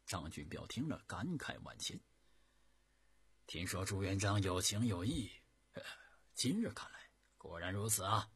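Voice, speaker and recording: Male storyteller, low husky voice, very lively pitch, animated dramatic narration, dry close sound. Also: measured pace, pauses often, no room sound. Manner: animated, rhythmic narration with sudden swells.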